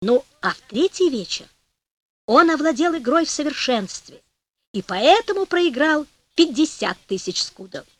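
Woman storyteller, high and very animated, dry close sound, playful fairy-tale reading. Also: unhurried, no room sound.

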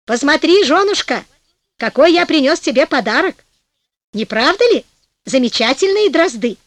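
A woman's voice: high voice, normal speed, fairly bright tone, no room sound. A woman reading a storybook aloud, voicing a stubborn, quarrelsome husband who insists and exclaims. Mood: proud.

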